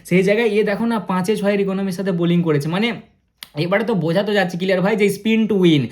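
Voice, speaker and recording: A man, talking fast and excitedly as he reviews a cricket match and speaks straight to his viewers. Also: high voice. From India. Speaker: cricket vlogger.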